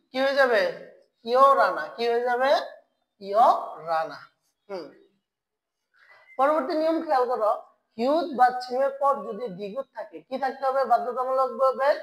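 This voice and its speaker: Brief: female tutor, slightly high voice, quizzes the class and answers her own questions. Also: low-quality recording. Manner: asks the class questions and answers them herself; slow, drawn-out spelling of syllables. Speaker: Korean language teacher. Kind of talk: online language lesson.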